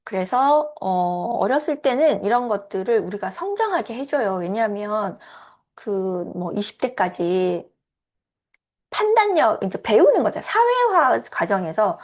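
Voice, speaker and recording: A woman's voice: big pitch swings, unhurried. A woman life coach talking casually about why people fail to keep plans, now and then acting out scolding voices. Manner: acts out scolding and inner voices in a raised pitch. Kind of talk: casual explanatory talk.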